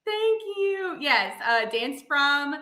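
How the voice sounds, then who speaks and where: A woman in her thirties from Alabama with a Southern accent, telling stories as a podcast guest in an animated way, laughing often. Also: high voice, slow, roomy sound, low-quality recording. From Montgomery, Alabama. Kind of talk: casual interview chat.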